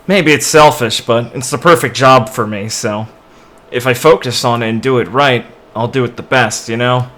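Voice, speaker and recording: A man's voice: medium pitch, normal speed, bright, forceful tone, natural voice. A man voicing a young woman who leads her crew, speaking in character in his own voice, thoughtful and a little wry. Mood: reflective.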